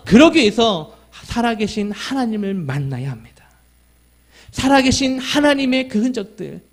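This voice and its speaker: Pastor, man, high voice, earnest sermon delivery that asks the congregation questions. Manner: tells a family story and acts out his child's lines.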